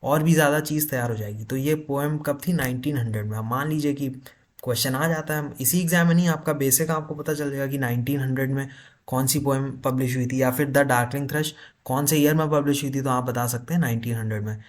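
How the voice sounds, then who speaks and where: Guy teaching lit for an exam, explains in hindi, reads slow. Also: mid-range voice, fairly even intonation. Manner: explains in Hindi with English terms, reads English notes slowly. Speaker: English literature teacher. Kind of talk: exam-prep lecture.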